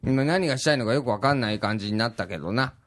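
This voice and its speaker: A man from Nagoya co-hosting a casual podcast, tossing out deadpan, absurd jokes. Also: medium pitch, rapid-fire, slight background noise. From Nagoya, Japan. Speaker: podcast co-host.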